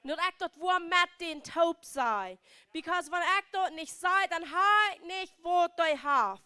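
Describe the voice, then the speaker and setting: A woman's voice: very high voice, lively intonation, a little slow, bright, forceful tone. A woman preaching a sermon with emphasis, her speech mixing Dutch, German and English words.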